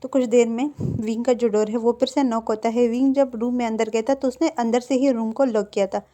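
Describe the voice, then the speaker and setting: A woman's voice: fairly high pitch, fairly even intonation, fairly quick, warm tone. A woman narrating a fan fiction story in a chatty way and talking straight to her viewers. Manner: chatty, addresses viewers directly.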